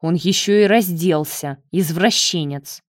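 Rough sarcastic young man, snappish and crude, read by a woman narrator, low and slow. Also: dry recording, studio quality, lightly acted. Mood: angry. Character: coarse, mocking young man, quick to swear.

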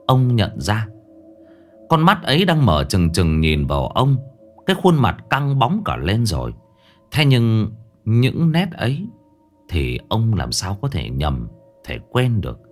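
A man narrating a ghost story dramatically, lingering on eerie details. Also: lowish voice.

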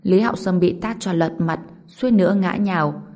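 A woman narrating an audiobook story in a steady, brisk storytelling manner. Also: lowish voice.

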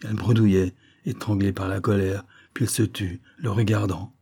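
A male narrator reading a classic story aloud in a low, husky voice. His tone is dark and mellow, and his delivery is measured and expressive throughout. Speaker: audiobook narrator. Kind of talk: scripted narration.

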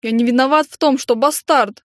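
A woman's voice: high voice, normal speed, no echo, clean studio sound, close to an everyday voice. A woman voicing a sulky, rude teenage boy who talks in a petulant, indignant way. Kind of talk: audiobook character voice.

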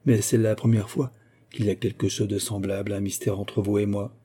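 Male narrator voicing older widowed mother, fretful and reproachful, husky and dark. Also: on the low side, little pitch movement, brisk.

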